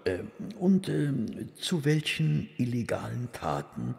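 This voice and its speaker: An actor playing Doctor Watson, a loyal, good-humoured companion, jovial and mock-indignant in a radio play. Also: male voice, mid-range voice, expressive, slow, creaky, darkish tone, in a large hall, full character voice. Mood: curious, impatient. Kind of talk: German radio play acting.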